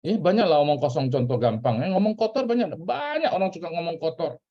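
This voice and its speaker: A man's voice: fairly high pitch, lively intonation, a little fast. A man with an Indonesian accent teaching a church Bible class in a casual, chatty way, asking questions and repeating key words. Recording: dull lo-fi recording.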